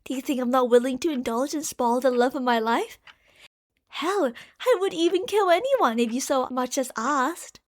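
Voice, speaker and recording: Heavily acted, this ASMR roleplay features a woman as a very high-pitched yandere girlfriend addressing her darling directly. The delusional genius scientist comes across as proud and devoted, gushing and possessive as she shifts between quiet confiding and excited adoration.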